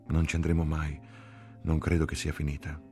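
A man's voice: very deep voice, monotone, moderate pace, darkish tone, faint music behind, pitched above the performer's own voice. A man voicing a weary, pessimistic soldier driver who speaks plainly and worriedly. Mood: wary.

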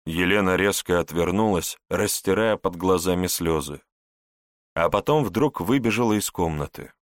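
A man narrating an audiobook in an expressive, measured storytelling way. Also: sits low, no echo, studio quality.

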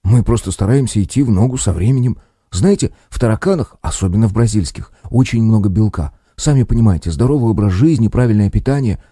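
A man's voice: fairly low pitch, lively intonation, fast talker, warm tone, breathy edge, no room sound, clean studio sound. A man voicing a cheerful, joking young man who talks in a mocking, playful way.

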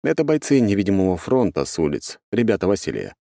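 A man narrating an audiobook in the first person, measured and even. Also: low-pitched, vocal fry, no room sound, clean studio sound.

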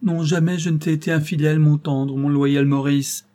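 A man's voice: lowish voice, fairly even intonation, a little fast, warm tone, husky. A man reading aloud, voicing a young noblewoman who speaks in a breathless, exalted rush. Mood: pleading. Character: young noblewoman, entranced, fervent.

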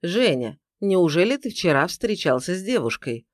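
A narrator voicing a steady senior investigator. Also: male voice, high-pitched, normal speed, no room sound, studio quality. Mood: level. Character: composed senior male investigator in charge.

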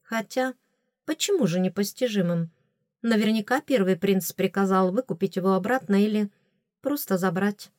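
A woman reading a first-person audiobook in an expressive, wry way. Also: mid-range voice, normal speed, dry recording, clean studio sound. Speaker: audiobook narrator.

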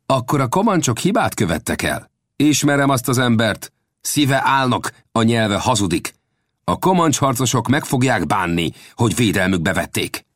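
A man voicing a gruff gray-haired old frontier scout in an audiobook, speaking in a stern, commanding way. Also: mid-range voice, very animated, a bit bright, no echo, studio quality, voice pushed up.

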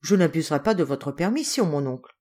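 A woman voicing a gentle, sad widowed noblewoman in an audiobook, speaking softly and subdued. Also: low voice, expressive, fairly quick. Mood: tender, subdued.

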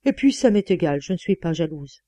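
A jealous, sharp-tongued middle-aged wife, as voiced by a woman reader in a storybook audiobook. Her tone is reproachful and insistent, with a mellow, darker timbre. The recording is dry and close. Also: on the low side, very animated, a little fast, no echo.

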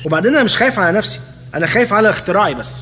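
Meligy, pompous failed inventor. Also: male voice, high voice, animated, very fast, sharp tone, big-room sound, faint music behind. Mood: bickering. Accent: Egyptian Arabic. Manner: pompous, stubborn. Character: eccentric cousin, self-proud failed inventor, man.

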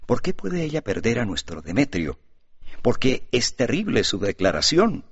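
A man voicing a gentle, pious young man who talks softly and pleadingly, in an audiobook with a dull sound. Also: mid-range voice, wildly swooping pitch, moderate pace, husky, pitched above the performer's own voice, exaggerated voice. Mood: earnest. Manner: soft and pleading. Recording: dull lo-fi recording.

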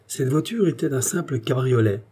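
A man reading a classic novel aloud in measured, expressive narration. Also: medium pitch, husky. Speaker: audiobook narrator. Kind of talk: scripted literary narration.

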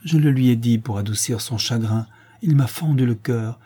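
A man voicing an old peasant woman, a devoted nurse who speaks gently and earnestly. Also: medium pitch, moderate pace, husky, natural voice. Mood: tender.

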